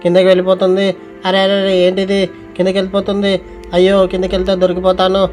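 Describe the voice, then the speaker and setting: Excitable man narrating a game. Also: high-pitched, fast, soft background music. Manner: excitable, many exclamations. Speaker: gameplay narrator. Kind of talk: excited gameplay commentary.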